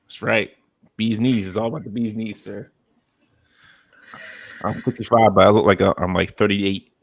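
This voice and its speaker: A man's voice: lowish voice, fairly even intonation, moderate pace, gravelly. A man in his thirties hosting a casual podcast chat, joking around and reading viewer comments aloud. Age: 30s. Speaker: podcast host.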